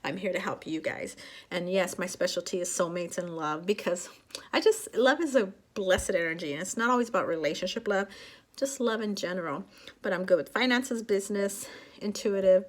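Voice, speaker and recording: A woman's voice: medium pitch, expressive, normal speed, fairly bright tone. A middle-aged woman, a spiritual and love coach, giving an upbeat tip in a casual vlog, assertive and emphatic, repeating her key phrases.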